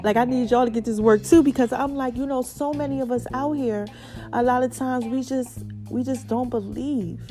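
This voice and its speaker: Excited lisping woman, mouthful-sounding after mouth surgery. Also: sits high, moderate pace, music in the background. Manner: excited, folksy, repeats phrases for emphasis. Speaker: podcast host. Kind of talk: casual motivational monologue.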